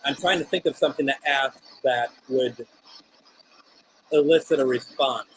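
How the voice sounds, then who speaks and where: A man hosting a live paranormal session, speaking earnestly and haltingly, with frequent restarts. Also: medium pitch, a bit bright, a little hiss or hum, low-quality recording. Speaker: host.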